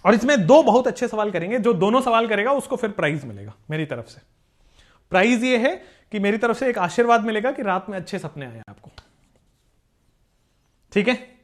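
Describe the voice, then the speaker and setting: Lively joking chemistry teacher man. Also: sits high, a little fast, pauses often. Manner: animated, joking, talks to students as "beta". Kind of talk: live online class lecture.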